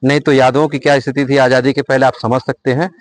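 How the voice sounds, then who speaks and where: A man's voice: mid-range voice, flat delivery, fast. A male local news reporter conducting a field interview with brief prompts and assents.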